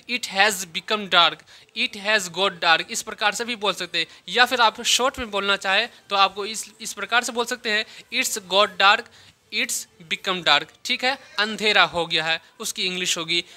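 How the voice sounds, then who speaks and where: Bright, high-voiced man teaching English. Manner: repeats example sentences slowly and deliberately; explains word meanings step by step. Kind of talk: spoken English lesson.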